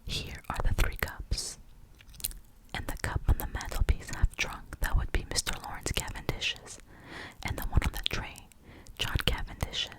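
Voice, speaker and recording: A person reading a detective novel aloud as ASMR, in a soft, breathy, semi-inaudible whisper close up. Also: normal speed, low-quality recording. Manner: close-up whispering, murmured and hushed.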